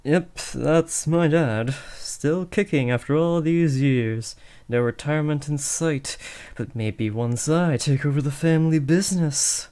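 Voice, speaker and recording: A young man's warm, smooth, natural voice sits on the high side and moves unhurriedly as he voices a villain's teenage son in scripted roleplay addressed to the listener. The character plays at kidnapping, cocky yet awkward, shifting from boastful theatrical taunts to casual, sheepish chatter.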